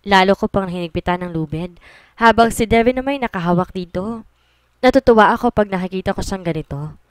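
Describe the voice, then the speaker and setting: A woman narrating a romance story in first person, with steady storytelling and English phrases mixed in. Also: mid-range voice, brisk, clean tone, dry recording. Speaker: audiobook narrator.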